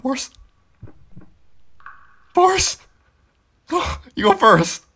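A woman's voice: sits high, sing-song, extremely slow, fairly bright tone, slightly rough, full character voice. A woman voicing a jumpy, chatty cartoon devil boy in a Minecraft let's play role-play, easily startled. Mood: panicky.

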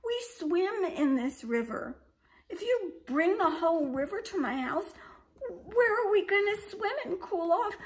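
A woman voicing a pleading young male baby dragon, high, loud and whiny. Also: measured pace, natural voice.

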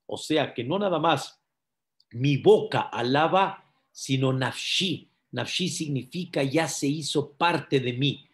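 A rabbi teaching a Torah class in a slow, deliberate voice with a slightly high pitch. He tells his story patiently and turns to speak to the audience directly, as in a sermon. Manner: storytelling, addresses listeners directly.

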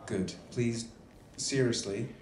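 A man's voice: medium pitch, slow, darkish tone. A man with dry, teasing humour introducing people as a captain on stage, speaking to an audience. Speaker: ship's captain hosting staff introductions. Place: theatre stage on a cruise ship. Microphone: handheld PA mic, filmed from the seats. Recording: echoey theatre, noisy phone recording from audience.

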